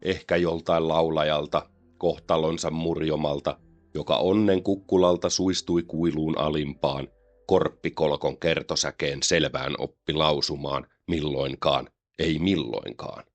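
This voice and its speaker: Very deep-voiced man reciting gothic poetry. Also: steady tone. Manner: slow, solemn, measured delivery. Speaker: poetry reader.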